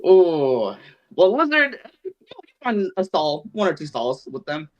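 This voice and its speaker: Chatty higher-voiced man from Vietnam. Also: measured pace, muffled recording. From southern Vietnam. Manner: relaxed, chatty, filler-heavy. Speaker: podcast guest, esports player. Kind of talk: casual chat.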